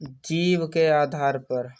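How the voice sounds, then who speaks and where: A man's voice: fairly high pitch, steady tone, darkish tone, clean tone. A man teaching an exam-prep lesson, reading out terms one at a time in a list-like way. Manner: slow, list-like delivery of terms.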